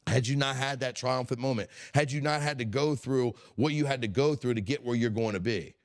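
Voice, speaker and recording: A man in his forties delivers a solo motivational podcast talk with blunt, impassioned energy. He curses freely and often restarts a phrase by repeating a word before pushing on. His voice sits at an ordinary middle pitch. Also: brisk. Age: 40s. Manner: impassioned, blunt, swears, repeats words while thinking. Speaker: podcast host.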